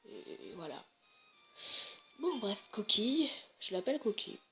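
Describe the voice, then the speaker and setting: A woman's voice: mid-range voice, very animated, unhurried, fairly bright tone, soft background music. A woman casually commenting on her game, chatty and hesitant, often correcting herself. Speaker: let's play gamer.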